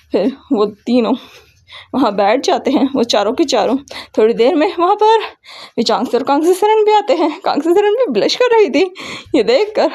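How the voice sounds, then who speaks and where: High-voiced woman narrating a story. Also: darkish tone. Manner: narrating with frequent self-corrections. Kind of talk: retelling a fan fiction story.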